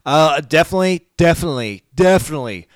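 A man hosting a podcast, reviewing a movie in casual chat, laughing loudly and swearing a lot. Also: on the high side, animated, fast, clean tone, dry recording. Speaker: podcast host.

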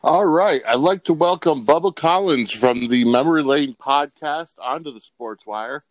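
A man's voice: a little high, moderate pace, no echo, low-quality recording. A man hosting a sports podcast in casual talk, with a loose, rambling delivery. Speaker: podcast host.

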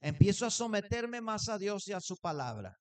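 A man's voice: sits high, big pitch swings, moderate pace, darkish tone. A man preaching a sermon, telling a personal story and acting out the dialogue. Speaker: pastor.

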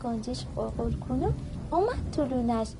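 A woman narrating a rhymed bedtime story for children in a gentle, slow, sing-song way. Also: a little high, lively intonation. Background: background music.

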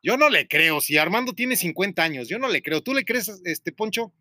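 A Mexican man with a high, bright voice rambles through a profane, joking story on a radio talk show. He sounds close to the mic in a dead, dry space. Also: expressive, normal speed, dry recording.

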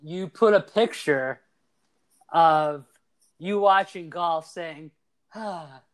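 On a casual sports podcast, the host is a twenty-something man whose voice sits a little high. His chat is energetic and jokey, packed with fast side comments.

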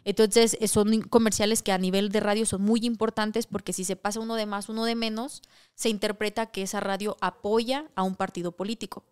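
A young Mexican woman co-hosting a podcast, recounting a personal story in loose, slangy, animated chat. Her voice is smooth and clear, sitting at an ordinary middle pitch. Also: a little fast. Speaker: podcast co-host.

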